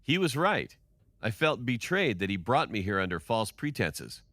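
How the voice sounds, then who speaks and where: A man giving a scripted first-person narration of a story in a steady storytelling delivery. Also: lowish voice, moderate pace, dry recording.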